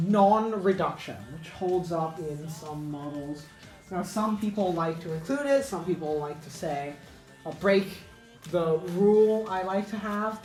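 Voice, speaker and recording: A woman's voice: fairly low pitch, darkish tone, echoey room, poor audio. A woman teaching English pronunciation in a casual lesson, thinking aloud with many fillers and self-corrections.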